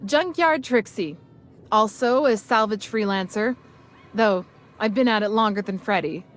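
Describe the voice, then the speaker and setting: A woman's voice: medium pitch, measured pace, lightly acted. An actress playing a scrappy, tough female salvage freelancer in a game, blunt and sarcastic. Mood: defiant. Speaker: game character.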